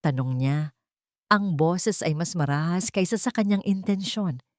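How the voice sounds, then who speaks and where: A Filipino woman narrates romantic audio fiction as a dramatic storyteller, her pitch moving expressively. She takes her time, and the sound is dry and studio-like with no echo.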